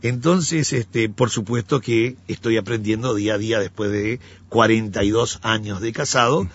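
A man, a pastor telling stories in an animated conversational way and acting out the voices he quotes. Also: on the low side, moderate pace, slightly rough, muffled recording. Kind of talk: conversational teaching.

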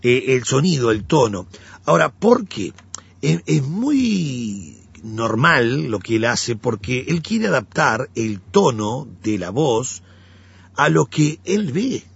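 A gravelly, slightly raspy man speaks as a pastor in relaxed conversation. His pitch rises and falls in a lively way as he acts out the people in his stories. The recording sounds dull and lo-fi. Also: slow, no room sound. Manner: animated storyteller, acts out quoted voices. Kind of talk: conversational teaching.

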